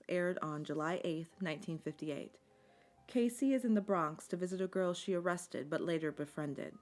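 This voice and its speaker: Soft instrumental music runs beneath a woman with a deep-set voice narrating a scripted documentary essay. She speaks in a measured, articulate, storyteller's way.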